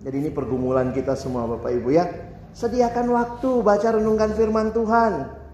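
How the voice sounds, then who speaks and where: High-voiced joking preacher man. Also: brisk, a little mellow, muffled recording, slight background noise. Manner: conversational, joking, acts out voices. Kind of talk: humorous sermon. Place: church hall. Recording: echoey hall with faint ambience.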